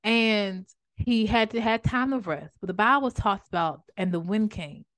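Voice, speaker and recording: A woman hosts her own podcast and speaks fast in a lively, unscripted faith talk. She often doubles back on her words and restarts phrases. Her pitch sits in the middle range for a woman. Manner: fast-talking, animated, repeats and restarts phrases. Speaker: podcast host and author. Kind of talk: faith-based motivational talk.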